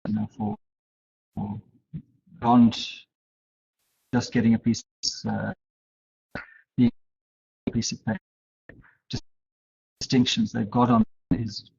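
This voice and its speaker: A man speaking haltingly in an unscripted online conversation as a conference speaker, with many restarts, while his choppy audio keeps dropping out at uneven volume. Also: medium pitch, very animated, vocal fry, a little mellow, husky. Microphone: video call. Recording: dull lo-fi call audio.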